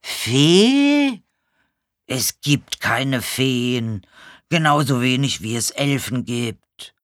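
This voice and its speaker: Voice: very animated, extremely slow, no echo, studio quality. A reader voicing a frantic, confused old man who is hard of hearing and keeps mishearing words, in a storybook reading. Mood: flustered. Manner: high, loud, flustered and mishearing.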